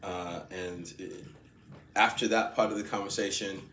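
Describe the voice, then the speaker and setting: A man's voice: sits low, steady tone, moderate pace, sharp tone, a little hiss or hum. A man casually telling a long story, rambling, laughing often and repeating himself. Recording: echoey room with faint ambience.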